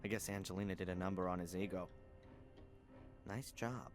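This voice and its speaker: A man's voice: low-pitched, steady tone, moderate pace, lightly acted. An actor playing a polite young male student in a video game, speaking hesitantly with many uhs. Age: young adult. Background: game music.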